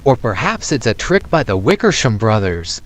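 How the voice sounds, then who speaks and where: A man's voice: lowish voice, sing-song, moderate pace. A man voicing a friendly, skeptical kangaroo in a storybook tale. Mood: uneasy.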